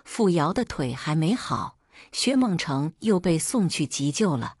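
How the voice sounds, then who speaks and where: A woman narrating a family drama story in a calm, steady reading style. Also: low voice, unhurried, slightly rough, no echo, clean studio sound.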